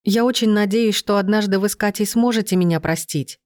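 A woman's voice: medium pitch, a little fast, darkish tone, dry recording, studio quality, close to an everyday voice. A woman voicing a spiteful, envious young woman. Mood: fake pleading. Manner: spiteful, whining, raised voice. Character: scheming bitter young woman, envious sister.

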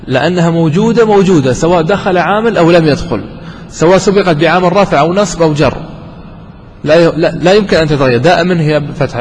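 A man's voice: a little high, big-room sound, a little hiss or hum, rough recording. A man giving a classroom grammar lesson who keeps asking his listeners questions, answers them himself and repeats each definition. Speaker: grammar teacher.

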